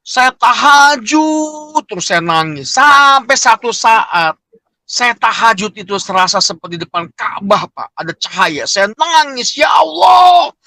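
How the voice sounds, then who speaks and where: Middle-aged man, emotional testimony in a high voice, close and dry. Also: no echo. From Indonesia. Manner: emotional, animated storytelling with frequent "Pak". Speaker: interviewee. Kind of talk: personal testimony.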